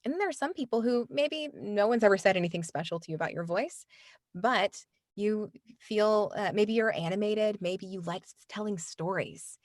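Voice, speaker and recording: Speaking at normal speed in a mid-range voice, this voiceover coach gives a casual interview in an earnest manner, with many restarts and fillers. The studio microphone delivers studio-quality sound with no echo.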